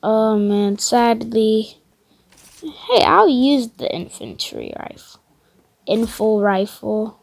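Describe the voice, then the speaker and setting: A woman's voice: a little high, slow, vocal fry. Stuffy-voiced woman chatting over gameplay. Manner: chatty, excitable, rambling slang. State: stuffy, congested from a cold. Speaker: gaming video creator. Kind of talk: casual gameplay commentary.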